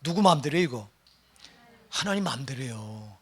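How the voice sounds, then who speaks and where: A man's voice: mid-range voice, lively intonation, fairly quick, breathy edge. A middle-aged man preaching a fervent sermon as a pastor in a church, with calls of amen and hallelujah. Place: church sanctuary.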